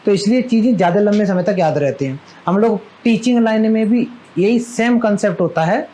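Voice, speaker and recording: A man with a notably high voice teaches maths to a live class. He talks in a chatty, fondly scolding way and keeps tossing questions at his students. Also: a little fast, warm tone, a little hiss or hum, rough recording.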